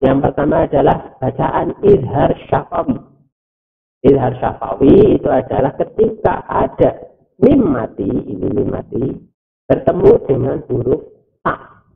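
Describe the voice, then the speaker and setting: Man teaching recitation, gravelly voice, very lively pitch, tinny phone-like sound. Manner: slow, deliberate, drawn-out recitation with repetition; explains rules step by step. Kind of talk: recorded teaching video.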